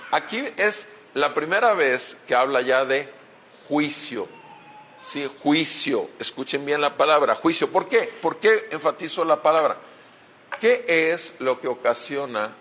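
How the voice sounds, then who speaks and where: A pastor with a Mexican Spanish accent preaches a sermon, posing rhetorical questions and repeating key phrases. His voice is medium in pitch with a fairly bright tone.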